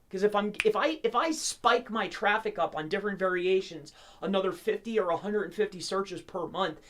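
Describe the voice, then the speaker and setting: Rambling, chatty man teaching live. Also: high-pitched. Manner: rambling, chatty, talking on nonstop; informal, addresses viewers directly. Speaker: host of an SEO tutorial livestream. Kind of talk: casual live tutorial.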